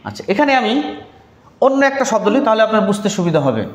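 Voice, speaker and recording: A man's voice: sits high, big pitch swings, quick pace, echoey room. A man teaching a live online grammar class, repeating key points and quizzing his listeners as he goes.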